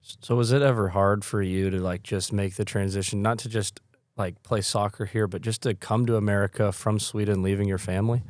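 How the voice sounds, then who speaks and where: A man's voice: fairly low pitch, fairly even intonation, brisk, a little mellow, no room sound. A man co-hosting a podcast, asking rambling questions full of restarts. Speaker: podcast co-host. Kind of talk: casual interview questions.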